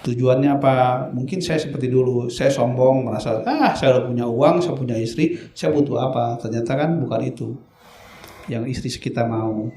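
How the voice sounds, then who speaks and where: Guest man, earnest, animated storyteller, mid pitch, roomy echo with crowd noise behind. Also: normal speed. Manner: earnest, animated, acts out quoted lines. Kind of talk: candid testimony in a talk show.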